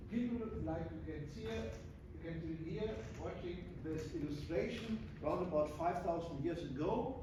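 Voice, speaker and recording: A German-accented physiologist in his sixties gives a guest lecture to an audience, his voice sitting high. He speaks haltingly, hunting for words and filling gaps with many "uh"s. The noisy recording was captured from far off in a large, echoey hall.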